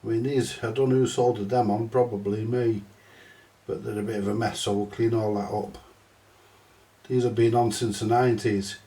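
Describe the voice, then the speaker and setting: Talking through a repair in his small, cluttered electronics workshop, this middle-aged repair channel host has a stuffy cold and a slow, rambling, self-mocking style full of casual swearing. His warm voice sits on the low side and barely moves in pitch. Being far from the microphone leaves an echoey room sound.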